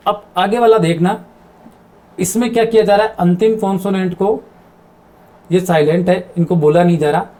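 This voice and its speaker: A man's voice: high voice, dark tone. A man teaching English grammar in a video lesson, repeating words and asking himself questions as he explains. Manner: mixes English terms into his explanations.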